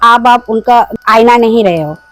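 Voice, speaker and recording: A woman with a fairly high voice speaks directly and steadily, giving advice. She slips English phrases into her talk and acts out short sample replies. The recording is dry and close, with soft music under it. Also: unhurried, dry recording, rough recording. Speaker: self-help video host.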